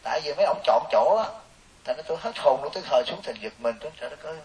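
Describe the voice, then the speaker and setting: With a slightly high voice and a fast pace, a Buddhist monk jokes and tells stories in a dharma talk to lay people. He speaks with energy and quotes voices as he narrates. The audio is hissy and distant.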